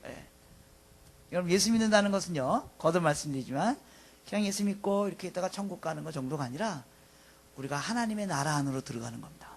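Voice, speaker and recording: A pastor in his fifties preaching a sermon, swinging from loud emphatic lines to soft, quiet asides. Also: fairly high pitch, lively intonation, quick pace, gravelly. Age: 50s.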